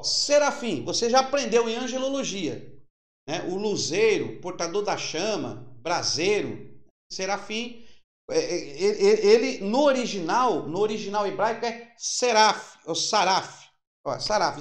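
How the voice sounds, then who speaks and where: A male preacher giving a fervent sermon, slowing down to explain Hebrew letters as if writing them on a board. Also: high voice, reverberant.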